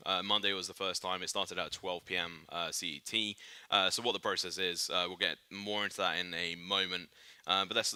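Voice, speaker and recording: A man's voice: deep voice, pushed and bright, smooth, dry recording. A man hosting a casual esports podcast in a studio, chatty and upbeat, with plenty of "uh"s and restarts. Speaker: podcast host.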